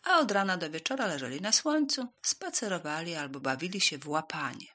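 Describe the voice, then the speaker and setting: A woman reads a fairy tale aloud for children, her voice animated and swooping through the story. Her tone is bright, with a breathy softness. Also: lowish voice, a little fast.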